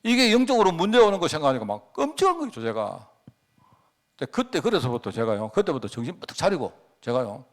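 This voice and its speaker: A middle-aged male pastor delivers a sermon with a slightly raised pitch and a very lively, swinging delivery. He keeps throwing rhetorical questions at the congregation and surges up and drops away as he tells a personal story.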